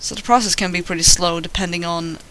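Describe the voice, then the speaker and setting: The voice is squeaky and thin, with a bright, forward edge. It belongs to an artist talking through a drawing as they work. The delivery is informal and rambling, self-deprecating and loosely sweary. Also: steady tone, fast, low-quality recording. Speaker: artist narrating drawing process. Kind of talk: casual drawing tutorial commentary.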